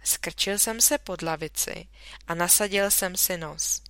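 A woman reading a children's story aloud in a lively, expressive narration. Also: fairly low pitch, no echo. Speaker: audiobook reader.

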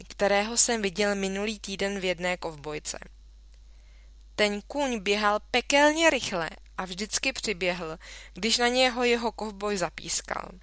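A woman narrating a children's story aloud with a lively, expressive reading. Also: mid-range voice, dry recording.

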